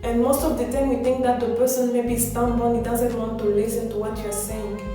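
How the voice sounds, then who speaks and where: A woman's voice: on the high side, level tone, a little fast, mellow. A woman giving a motivational speech in an earnest, exhorting way, repeating phrases for emphasis. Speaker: motivational speaker. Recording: very echoey, distant mic, music behind.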